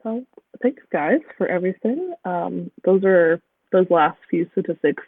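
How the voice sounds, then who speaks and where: A high-pitched man hosts a casual discussion, with plenty of "like" and "um" in his speech. His voice comes through thin and phone-like, dry with no room sound. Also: lively intonation, unhurried, no room sound. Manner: casual, uses many fillers like "um" and "like". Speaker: podcast host.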